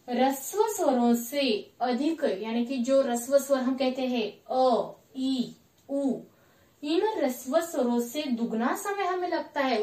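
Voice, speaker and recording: A woman's voice: high voice, a little mellow. A woman teacher giving a grammar lesson, repeating points and asking questions that she answers herself. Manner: slow, repetitive, asks questions and answers them herself. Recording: echoey room, voice from a distance.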